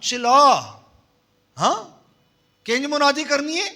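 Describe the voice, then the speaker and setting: High bright-voiced preacher. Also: male voice, lively intonation, measured pace. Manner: preaching with call-and-response repetition; switches between loud emphatic and soft low passages. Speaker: pastor. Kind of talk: sermon.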